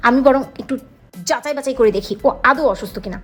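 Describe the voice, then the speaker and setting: A woman's voice: high-pitched, faint music behind. A woman voicing a cautious, suspicious father. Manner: measured, cautious. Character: calm, suspicious middle-aged father.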